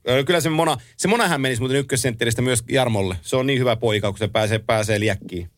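A man co-hosting a casual hockey chat, leading the topics and listing teams briskly. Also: medium pitch. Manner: runs the segments, lists teams briskly.

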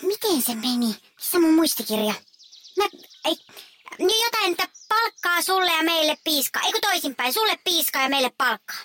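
Mauri, a squeaky boy squirrel. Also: animated, bright, forceful tone, a little hiss or hum, exaggerated voice. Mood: excited. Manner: eager, rambling, full of fillers. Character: chatty little boy squirrel. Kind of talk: children's audio story acting.

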